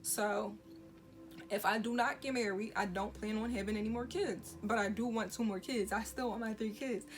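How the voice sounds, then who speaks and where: A woman's voice: medium pitch, fairly even intonation, moderate pace. A woman, talking frankly to camera with lots of "you know, like". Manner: casual, frank, many fillers like "you know, like". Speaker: vlogger. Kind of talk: candid talk to camera. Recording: music playing under the voice.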